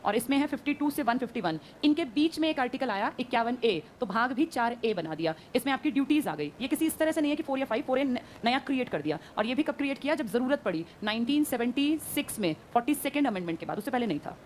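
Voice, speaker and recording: Brisk woman teacher, quick-fire quizzing, high-pitched and fast. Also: lively intonation, a little hiss or hum. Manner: brisk, quizzing students and answering herself. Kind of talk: classroom lecture. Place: classroom.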